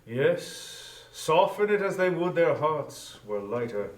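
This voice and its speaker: A man narrating a story in a solemn, deliberate, theatrical dramatic style. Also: a little high, sing-song, slight background noise. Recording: echoey room, distant from mic.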